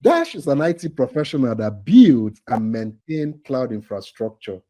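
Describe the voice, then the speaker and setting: A man's voice: medium pitch, big pitch swings, moderate pace, mellow, poor audio. Playful man hosting an online quiz. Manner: playful, teasing, laughs often. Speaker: quiz host for online training cohort.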